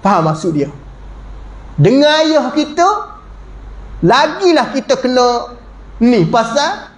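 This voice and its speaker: A man gives a religious lecture in a chatty, conversational way. His voice sits very high, and he often drops it low to stress a point. The room around him is noticeably echoey. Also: a little mellow. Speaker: religious teacher.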